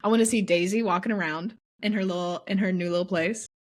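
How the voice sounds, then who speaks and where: A young woman co-hosting a casual podcast chat, animated and enthusiastic as she talks. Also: medium pitch, fast talker. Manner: animated, enthusiastic, breaks into song. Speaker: podcast co-host.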